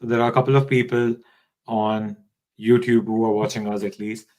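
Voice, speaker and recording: A man's voice: on the low side, flat delivery, moderate pace, darkish tone, low-quality recording. A man hosting a live online session, welcoming viewers and reading out their comments over a video call. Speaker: live-stream host.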